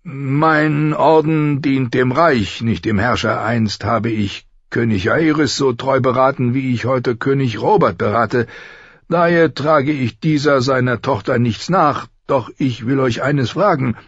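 A man voicing a weary old male scholar-advisor in an audiobook, slow, grave and ponderous. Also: medium pitch, breathy edge, no room sound, lo-fi sound, pitched above the performer's own voice. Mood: solemn. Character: old weary male grand maester, long beard.

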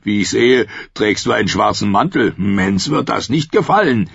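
A man playing a booming, laughing wildling chief. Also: lively intonation, moderate pace, gravelly, a bit bright, breathy edge, dry recording, heavily acted. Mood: roaring jovial. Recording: muffled lo-fi recording.

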